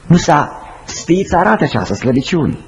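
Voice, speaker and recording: A man preaching a sermon, swinging between high urgent pleas and slow, hushed low phrases. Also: big pitch swings. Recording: slightly dull lo-fi recording with faint noise.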